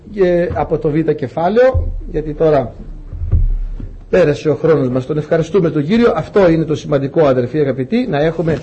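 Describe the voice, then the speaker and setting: Male preacher, husky, higher pitched, emphatic sermon delivery. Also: warm tone, dull audio. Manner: emphatic and rhetorical, acting out Bible stories.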